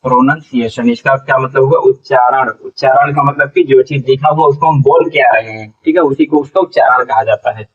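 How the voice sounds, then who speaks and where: A man teaching a classroom phonics lesson, sounding out syllables slowly and asking students to repeat. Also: medium pitch, steady tone, slightly rough. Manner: slow, spells out syllables, repeats questions to students. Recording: dull lo-fi sound from a distant mic.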